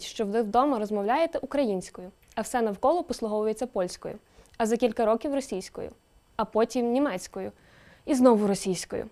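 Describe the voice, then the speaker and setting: A woman presenter giving a scripted educational narration, lively and with emphatic rising questions. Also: fairly high pitch. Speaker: presenter explaining a dialect.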